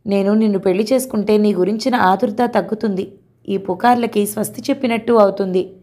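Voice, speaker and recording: A woman voicing an earnest young man who gently pleads and reassures his bride, in a mellow voice. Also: medium pitch, steady tone, brisk, lightly acted. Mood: tender.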